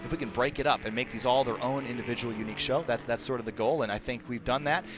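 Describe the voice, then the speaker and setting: A man's voice: medium pitch, fast talker, over music. A young man hosting a live motorsport stream, upbeat and a little out of breath, reading sponsors with frequent restarts. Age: young adult. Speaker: stream host.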